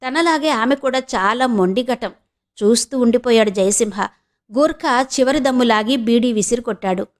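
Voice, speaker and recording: Woman audio novel narrator from Andhra Pradesh, steady delivery, pitched slightly high. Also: moderate pace. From Andhra Pradesh, India. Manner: steady storytelling.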